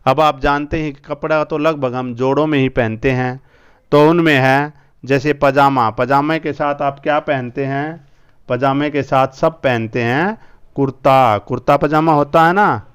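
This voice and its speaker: A male teacher going through a school language lesson, repeating each word slowly two or three times. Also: medium pitch, fairly even intonation, clean tone.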